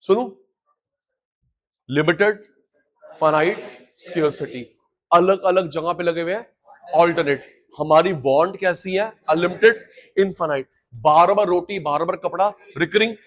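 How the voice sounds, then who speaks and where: A middle-aged man teaching an economics class live, energetic, mixing Hindi and English and drilling students with repeated call-and-response. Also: sits high, measured pace, long pauses. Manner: mixes Hindi and English terms.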